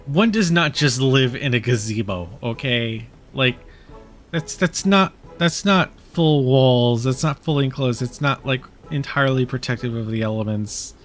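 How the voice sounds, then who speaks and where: A man's voice: medium pitch, lively intonation, a little slow. A man streaming a game, reading its dialogue aloud and rambling with self-mocking jokes.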